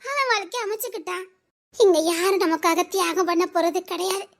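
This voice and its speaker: A woman playing a very high-voiced grieving young woman. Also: fairly quick, creaky. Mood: bitter. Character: grieving young woman talking with her friend. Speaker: actress in a family drama. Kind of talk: melodramatic dialogue scene.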